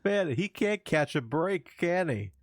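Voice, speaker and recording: A man's voice: a little high, expressive, a little slow, no room sound, clean studio sound. A man co-hosting a podcast, rambling casually with lots of filler words. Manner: rambling, lots of "like" and "you know". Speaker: podcast co-host. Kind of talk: casual chat.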